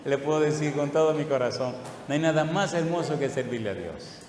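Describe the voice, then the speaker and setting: A man's voice: on the high side, fairly quick, background noise. An older man preaching a sermon to a congregation, emotional and chuckling, with fond asides and rhetorical questions. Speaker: pastor. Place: church hall. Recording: echoey church hall with long reverb.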